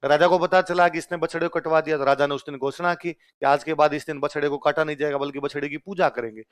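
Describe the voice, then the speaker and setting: A man's voice: on the high side, steady tone, fast, clear, resonant tone. A man teaching a lesson, repeatedly asking questions and answering them himself. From Rajasthan. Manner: quizzes listeners with call-and-response questions. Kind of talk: exam-prep lecture.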